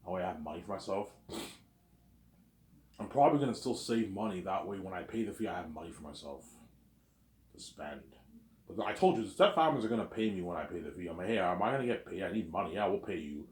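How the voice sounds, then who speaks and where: A Quebec man in his thirties rambles through a casual vlog monologue, repeating himself and playing both sides of imagined conversations. His low voice moves quickly with lively intonation, and the recording sounds roomy.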